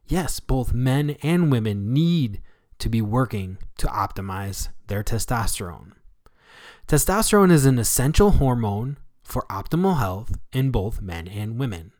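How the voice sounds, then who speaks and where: American guy hosting a health show, very animated and emphatic, dry studio-ish sound, explains stuff. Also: mid-range voice, a little slow, dry recording. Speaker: radio show host. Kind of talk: scripted solo health talk show.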